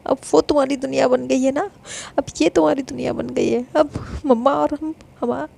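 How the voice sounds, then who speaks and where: A woman voicing a tearful, defiant older sister about to be married, pleading and accusing in halting repeats. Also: high-pitched, fairly even intonation, gravelly, dark tone. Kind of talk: dramatized story reading.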